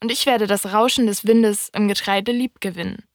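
A woman voicing a wise, wistful fox in an audiobook reading, speaking in a calm, thoughtful, explaining way. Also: mid-range voice, normal speed, dry recording, studio quality, natural voice.

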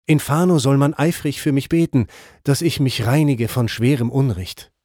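A man's voice: medium pitch, moderate pace, a little mellow, dry recording, clean studio sound, natural voice. A man voicing a murdered soul's grave plea. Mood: solemn. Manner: solemn, grave recounting. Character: murdered man's soul, pleading for prayers.

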